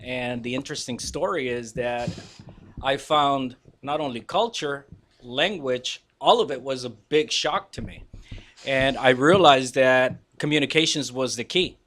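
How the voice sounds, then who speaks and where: A man's voice: medium pitch, unhurried, fairly bright tone. A man from Guatemala whose first language is Spanish, speaking confidently and emphatically as a body language teacher guesting on a radio talk show. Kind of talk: casual radio interview.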